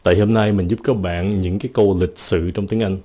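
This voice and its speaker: A young man from Vietnam gives a relaxed video lesson on polite English. His voice sits low and sounds mellow and warm. He talks playfully and models phrases with varied intonation. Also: a little fast. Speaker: English teacher.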